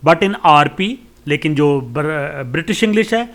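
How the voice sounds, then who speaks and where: Slow-reading Pakistani male teacher with fillers. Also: fairly high pitch, lively intonation, fairly bright tone. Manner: reads English lines slowly, then explains them in Urdu with many fillers. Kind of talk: lecture explaining a course text.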